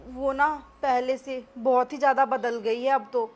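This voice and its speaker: A woman's voice: sits high, fairly even intonation, a little slow. A woman playing a scheming middle-aged mother-in-law who talks in a pleading, whiny way.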